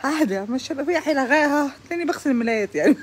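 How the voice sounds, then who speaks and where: A young woman with an Egyptian accent delivering an exasperated comic stand-up monologue, with loud outbursts of complaint. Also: high-pitched, expressive, very fast. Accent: Egyptian Arabic. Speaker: comedian.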